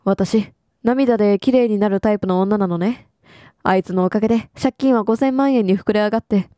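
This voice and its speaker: A woman's voice: mid-range voice, moderate pace, warm tone, no room sound, studio quality, natural voice. A woman reading the lines of a self-pitying, debt-ridden woman from a game, complaining in a whiny, dramatic way.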